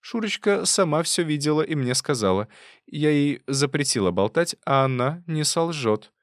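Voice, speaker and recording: A man reading an audiobook, voicing a fierce old woman who scolds her niece in a loud, folksy way. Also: a little high, animated, normal speed, no echo, clean studio sound, pitched above the performer's own voice, close to an everyday voice. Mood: scolding.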